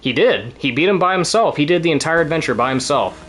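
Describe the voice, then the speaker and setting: Streaming a video game, a man gives casual let's-play commentary, rambling along, swearing now and then and laughing often. His voice is a little high and a bit bright, expressive and fast, with faint music behind him.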